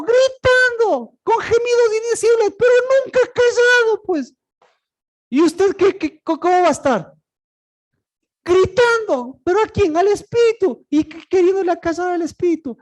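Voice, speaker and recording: A preacher with a notably high voice delivers a sermon. They pose questions and answer them, then leap from loud, high cries to low, quiet murmurs. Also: low-quality recording. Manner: asks and answers own rhetorical questions.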